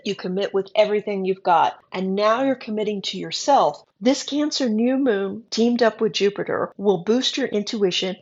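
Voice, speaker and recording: A woman's voice: medium pitch, muffled recording. A woman reading a horoscope forecast, chatty and encouraging with a wry edge. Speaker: astrology reader.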